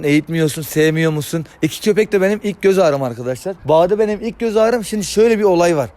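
A young man with a slightly high voice chats casually to his viewers outdoors, breaking off to give his dogs short commands. Dogs can be heard in the background. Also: a little mellow. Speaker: dog owner and vlogger. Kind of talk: casual outdoor vlog commentary.

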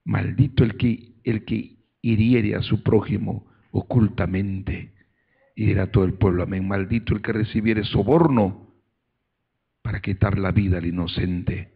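A male pastor preaching a sermon who reads scripture in a low, measured voice and rises to shouted calls of praise. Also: steady tone, gravelly, breathy edge, narrow, tinny audio.

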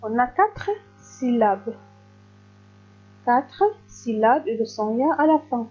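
Female primary teacher for a recorded reading lesson, stretched-out words, mellow tone, dull lo-fi recording. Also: fairly high pitch. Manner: slow, clearly stretched words, patient.

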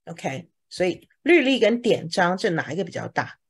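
A woman's voice: fairly low pitch, sing-song, moderate pace, slightly rough. A woman teacher explaining English words to a class, often stopping to ask if anyone has questions. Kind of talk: classroom vocabulary lesson.

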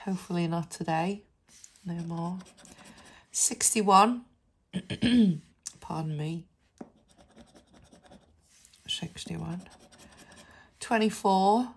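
Congested with a head cold, a woman vlogs casually while scratching lottery cards, reading out the numbers and letters as she goes. Her voice is on the low side and breathy, with drawn-out words and frequent pauses.

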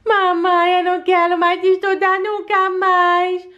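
A woman's voice: extremely high pitch, completely flat delivery, unhurried, pushed and bright, dull audio, voice pushed up, exaggerated voice. A woman voicing a sad, stubborn little doll girl who talks in a whiny, pleading way, for a doll play story.

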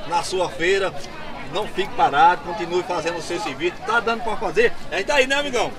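A man's voice: sits high, fast. A man with a Northeastern Brazilian accent, chatting upbeat as he walks an open-air market, greeting vendors. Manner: upbeat, chatty, says "valeu" and "aí tá certo" often. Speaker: vlogger touring a market. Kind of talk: casual street interviews. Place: busy open-air street market outdoors. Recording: loud market crowd behind.

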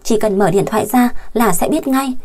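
A woman's voice: fairly high pitch, normal speed, a little mellow, natural voice. Woman voicing a betrayed, scornful young woman. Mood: urgent. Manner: pleading and contemptuous.

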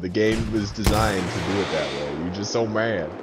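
A man playing a shooter game with a friend, excitable and swearing, laughing and yelling callouts. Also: lowish voice, normal speed. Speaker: video game player. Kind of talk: casual gameplay banter. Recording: loud gunfire and game noise behind.

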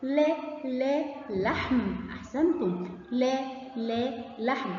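A woman's voice: high-pitched, darkish tone. A woman with an Egyptian Arabic accent teaching children a letter of the alphabet, drawing out syllables and praising them. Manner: drawn-out syllables, cheerful praise to kids. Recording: echoey, dull, lightly noisy room.

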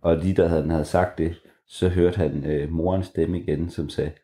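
A man's voice: deep voice, steady tone, dark tone. A man improvising a bedtime story for children, narrating playfully and animatedly with sound effects and ums.

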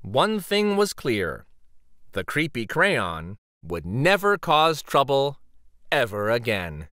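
Reading a picture book aloud, this male host tells a children's story dramatically and unhurriedly, pausing theatrically for suspense. His delivery is sing-song, with wide pitch movement and a fairly bright tone. The sound is dry, with no room sound at all.

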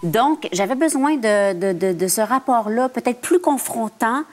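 A woman's voice: fairly high pitch, lively intonation, measured pace. A woman, an actress guest speaking thoughtfully in an interview and searching for her words. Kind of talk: reflective interview talk.

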